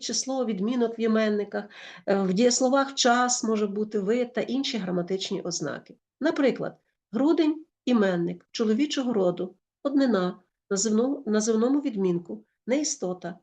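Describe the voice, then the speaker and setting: Ukrainian woman teaching a lively lesson. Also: a little high. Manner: lively explanatory, with self-corrections. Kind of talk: school lesson explanation.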